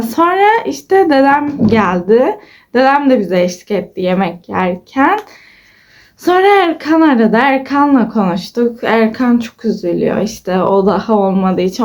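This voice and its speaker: A woman's voice: medium pitch, darkish tone. A woman in her twenties chatting to her followers in a casual vlog, telling stories and acting out what people said, with giggles. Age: 20s. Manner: chatty storyteller, acts out quoted dialogue with giggles. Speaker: vlogger.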